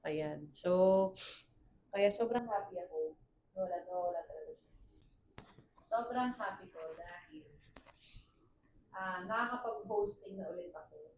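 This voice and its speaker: A woman in her 30s co-hosts a podcast, chatting casually in a fairly low, unhurried voice that pauses often. She's animated and laughs a lot, switching between Tagalog and English. Her microphone is failing, so she speaks loudly, and the echoey room, distant mic and faint hiss color the sound.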